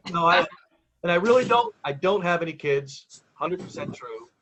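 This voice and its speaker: A man's voice: a little high, expressive, normal speed, fairly bright tone. A man doing a stand-up monologue of punchy jokes, told as conversational stories with acted-out exchanges in an exasperated, self-mocking way. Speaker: touring road comic.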